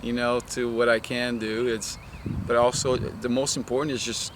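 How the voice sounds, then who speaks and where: A soccer coach from Brazil talks loosely in an interview, circling back and restarting his sentences. His voice sits at an ordinary pitch for a man. Loud traffic noise runs under the outdoor recording. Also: little pitch movement, normal speed. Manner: rambling, many restarts and "you know" fillers. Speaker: head women's soccer coach. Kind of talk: casual interview.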